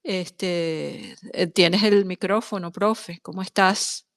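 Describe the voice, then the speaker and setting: Lady host passing the mic, slow and soft. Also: fairly low pitch, steady tone. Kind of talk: hosting a talk show.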